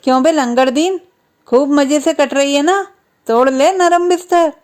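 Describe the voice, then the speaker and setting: A coarse, jeering master of the house from a storybook, loud and laughing at the expense of others, as a woman narrator puts him on. His voice sits high for a man and comes across with a mocking edge. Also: normal speed, natural voice.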